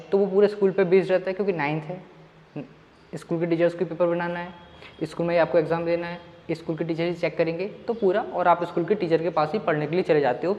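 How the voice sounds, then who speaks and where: A man's voice: on the high side, darkish tone, muffled recording. A man teaching maths in a casual online lesson, talking straight to his students and mixing English words into his talk. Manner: chatty, addresses students directly, mixes in English words. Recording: long reverb.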